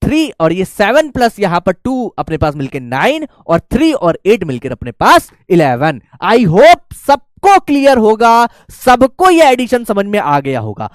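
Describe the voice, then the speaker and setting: A man's voice: high-pitched, huge pitch swings, a little slow, hardly any pauses, no echo, studio quality. A male maths teacher giving a lesson who coaxes his students and keeps checking that they follow. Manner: coaxing, keeps checking students follow, calls them "beta".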